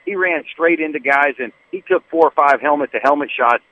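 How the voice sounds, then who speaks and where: A man's voice: a little high, brisk, narrow, tinny audio. A man calling a sports radio show to give a casual opinion.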